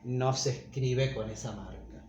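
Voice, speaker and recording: A man's voice: medium pitch, a little slow, a little mellow. A man teaching a casual video lesson, thinking aloud with frequent fillers as he goes. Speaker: Spanish teacher. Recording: echoey room, dull sound, faint noise.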